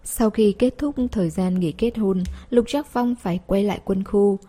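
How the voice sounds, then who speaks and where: A woman narrating a romance audiobook in a steady, even storytelling manner. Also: medium pitch, moderate pace, husky.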